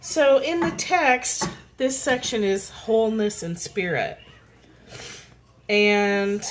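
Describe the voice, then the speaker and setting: Speaking at a medium pitch into her phone, a woman hosts a home live stream while children make noise in the background. She greets her viewers by name, then reads and reflects on a daily spiritual text at an easy, unhurried pace.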